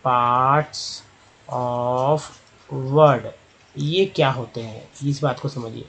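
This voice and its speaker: A man's voice: medium pitch, fairly even intonation, extremely slow, a bit bright. Man sounding out English words. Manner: explains by spelling out letters and sounding out words; addresses viewers as friends. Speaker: English teacher. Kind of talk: explaining a lesson.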